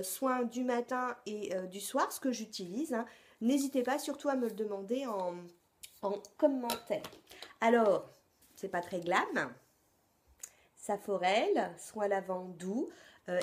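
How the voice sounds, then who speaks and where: Woman beauty vlogger chatting casually to her viewers about products, lots of hesitating and restarts, middle pitch. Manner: hesitant, frequent filler sounds and restarts; chatty, addresses viewers directly. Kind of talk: casual product review vlog.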